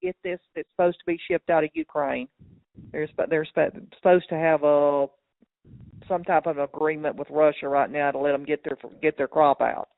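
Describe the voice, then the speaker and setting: On a phone call, a cattle farmer with a fairly high, gravelly voice chats casually in a folksy, rambling, plain-spoken manner. He sounds animated and speaks at normal speed, and the thin, narrow line gives a dry recording with almost no room sound.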